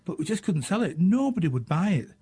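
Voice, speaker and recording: Middle-aged northern English male radio host, slightly husky, relaxed and chatty, fills pauses with ums. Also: high voice. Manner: chatty, self-mocking, frequent ums and uhs. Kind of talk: casual radio chat answering listener questions.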